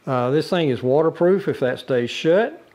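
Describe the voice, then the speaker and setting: An older product reviewer shows a camping lantern in a casual indoor demo, with a brick wall in his living room. He has a fairly high, slightly mellow voice with lively intonation at a moderate pace, and he talks plainly with many uhs and restarts.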